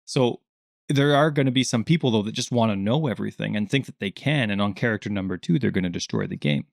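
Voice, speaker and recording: A man with a somewhat low voice, co-hosting a relaxed gaming podcast. He talks in an animated way and jumps up in pitch when he acts out the questions he quotes. The sound is dry and close to the mic. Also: fast talker, creaky, dry recording. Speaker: podcast co-host. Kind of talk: casual gaming podcast chat.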